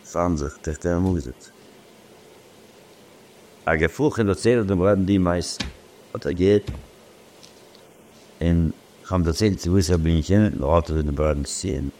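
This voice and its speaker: A man telling a personal story in a halting, rambling way, often restarting and repeating phrases. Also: deep voice, darkish tone, slight background noise.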